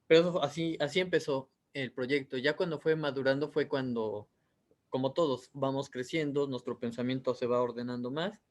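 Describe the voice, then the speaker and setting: A man's voice: mid-range voice, steady tone, moderate pace. A Mexican man in his thirties, an author answering interview questions in a rambling way with many fillers. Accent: Mexican Spanish. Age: 30s.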